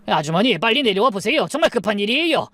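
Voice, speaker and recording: A woman's voice: mid-range voice, big pitch swings, quick pace, no room sound, pitched above the performer's own voice. A woman voicing an older male security guard who urgently warns of danger. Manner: urgent, hushed warning.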